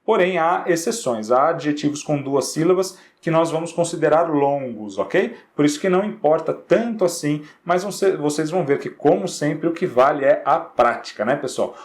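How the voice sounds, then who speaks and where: Lively Brazilian male English teacher. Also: a little high, moderate pace, hardly any pauses. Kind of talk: classroom grammar lesson.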